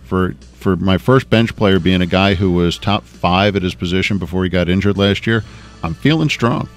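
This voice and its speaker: Man, very low voice, blunt opinionated co-host, sports radio, faint music. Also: normal speed. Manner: blunt, opinionated, repeats words. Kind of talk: casual radio sports talk.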